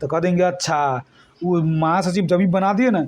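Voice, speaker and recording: A man, teaching an exam coaching lesson. He talks loosely and repeats himself, firing quick questions at his students and answering them himself. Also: high voice, a little mellow. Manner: colloquial, repetitive, quizzing the students. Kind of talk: mnemonic lesson for exam prep.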